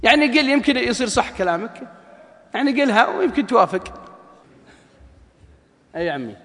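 A fast-talking male preacher with a very high-pitched voice gives a religious lecture full of storytelling in a lecture hall before a live audience. He is lively, jokes with the crowd, and acts out dialogue. The hall sounds echoey.

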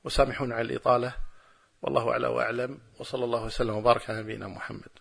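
A middle-aged man giving a religious lecture and answering questions from listeners, arguing emphatically and building his points through forceful repetition. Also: medium pitch, steady tone, racing, vocal fry, husky.

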